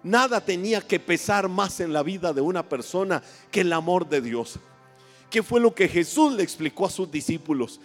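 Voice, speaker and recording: A man preaching a sermon, telling stories and asking the congregation questions, with dramatic pauses. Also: high-pitched, lively intonation, big-room sound, faint music behind. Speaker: pastor. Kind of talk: sermon with storytelling.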